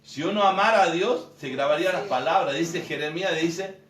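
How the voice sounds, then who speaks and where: A priest, giving an informal teaching talk to a group and telling stories with quoted dialogue. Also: male voice, a little high, a little fast, fairly bright tone, a little hiss or hum. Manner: storytelling, acting out quoted dialogue. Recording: echoey room, mic far off.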